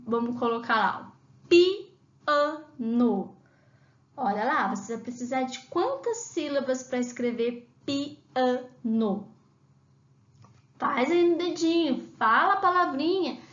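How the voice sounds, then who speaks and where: Slow patient woman teacher, echoey room. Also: sits high, a bit bright. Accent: Brazilian Portuguese. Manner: slow, patient, spells out syllables and sounds. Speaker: primary school teacher. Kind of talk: remote class explanation to young children. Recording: echoey room, dull lo-fi sound.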